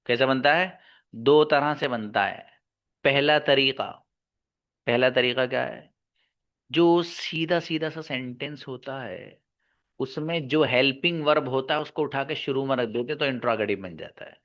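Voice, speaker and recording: A man teaching English grammar in an online lesson, slowly repeating key words and answering his own questions for his students. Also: mid-range voice, dull audio. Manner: calls listeners "babu" and "my friend".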